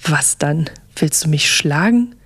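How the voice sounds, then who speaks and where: A smooth-talking male vampire pleads in a low, hushed, coaxing tone, as a woman reads him out in an audio story. His voice is a little low and unhurried. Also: lively intonation, full character voice. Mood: wry.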